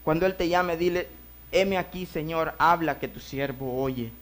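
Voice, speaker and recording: A preacher voicing the aged priest Eli, mild and weary, in a low hushed tone within a sermon. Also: a little slow, close to an everyday voice.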